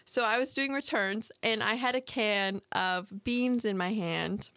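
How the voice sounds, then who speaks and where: A woman's voice: mid-range voice, measured pace, no echo. A young woman co-hosting a podcast, telling stories in casual chat and giggling often. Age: young adult. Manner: bright, giggly storyteller. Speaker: podcast co-host.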